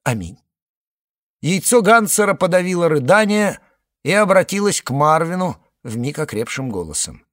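Expressive male narrator, animated pitch, dry close recording. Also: moderate pace, no room sound. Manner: expressive, theatrical reading. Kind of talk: audiobook narration.

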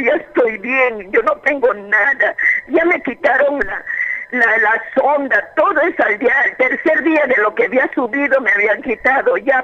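Woman caller on a muffled phone line. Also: sits high. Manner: fervent, repetitive, halting storytelling. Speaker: radio call-in caller. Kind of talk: emotional personal testimony. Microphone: telephone.

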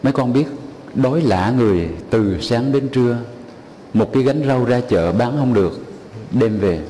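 A man telling a folk tale to listeners in an unhurried way, addressing them directly. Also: medium pitch, lively intonation, mellow. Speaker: storyteller. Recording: long hall reverb, faint background noise.

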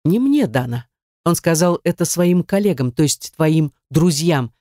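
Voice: mid-range voice, expressive, unhurried, mellow, no echo, close to an everyday voice. Stern, domineering jealous man voiced by the audiobook reader; growling, dry sound. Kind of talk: audiobook dialogue.

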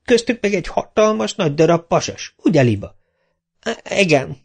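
A man voicing a whiny, dim-witted male night watchman in an audiobook, high and whining. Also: big pitch swings, creaky, heavily acted.

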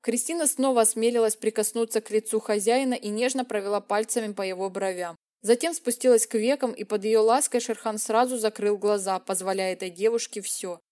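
A woman narrating a romance audiobook in a measured, emotive reading. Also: medium pitch, steady tone, mellow.

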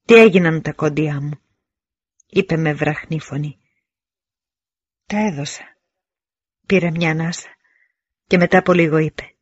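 Husky-voiced man reading an audiobook. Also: on the high side, no echo, highs cut off. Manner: measured, deliberate reading with dramatic pauses. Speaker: audiobook narrator. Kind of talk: scripted audiobook narration.

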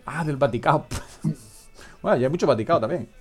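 A man's voice: fairly high pitch, animated, quick pace, darkish tone, faint music behind. A man hosting a casual comedic radio chat, rambling and joking and often trailing off mid-sentence. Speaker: podcast host.

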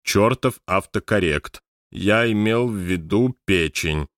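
A man voicing a nervous skinny young man who reads out messages slowly and deliberately. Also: lowish voice, animated, fairly bright tone, no room sound, clean studio sound. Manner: slow, deliberate reading aloud.

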